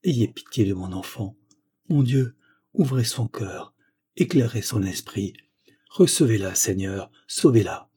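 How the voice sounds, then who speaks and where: A man's voice: fairly low pitch, animated, a little slow, warm tone, slightly rough, heavily acted. A man reading the lines of a frail, pious old grandfather who tenderly pleads with his granddaughter. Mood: praying. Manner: earnest, tender entreaty.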